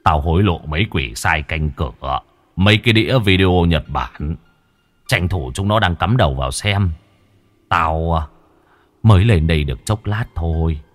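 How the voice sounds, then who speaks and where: A man's voice: low-pitched, normal speed, voice pushed down, lightly acted. A man voicing an old ghost who pleads for help for his son in a ghost story. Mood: urgent. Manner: hushed, then urgent pleading. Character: old male ghost, pleading urgently from the underworld.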